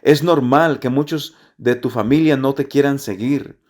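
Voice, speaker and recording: A man's voice: mid-range voice, unhurried. A man giving an earnest, repetitive gospel reflection to listeners as a preacher.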